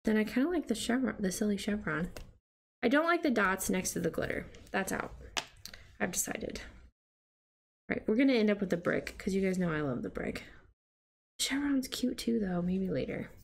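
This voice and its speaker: A woman's voice: medium pitch, big pitch swings, moderate pace, creaky, pauses often, a little hiss or hum. A young adult woman chatting casually and rambling with many fillers while she decorates her planner. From United States. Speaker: planner vlogger. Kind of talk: casual plan-with-me chat.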